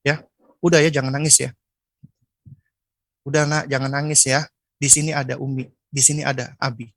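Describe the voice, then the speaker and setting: A man voicing a doting mother who soothes a crying child in a soft, repetitive, cooing way. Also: medium pitch, level tone, normal speed, creaky, no echo.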